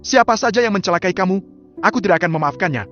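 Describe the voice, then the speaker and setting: A man's voice: mid-range voice, quick pace, faint music behind, pitched above the performer's own voice, close to an everyday voice. A man voicing a protective young hospital director, speaking in a soothing, reassuring way. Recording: slightly dull lo-fi audio.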